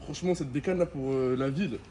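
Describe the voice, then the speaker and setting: A man's voice: mid-range voice, fast. A young man chats casually to camera in street slang, reviewing like a vlogger. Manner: French suburban street slang. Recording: noticeable ambient background noise.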